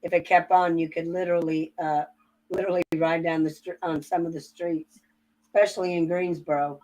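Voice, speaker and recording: A woman's voice: fairly low pitch, little pitch movement, brisk, darkish tone, low-quality recording. A woman chatting casually with colloquial, folksy phrasing. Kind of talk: casual chat.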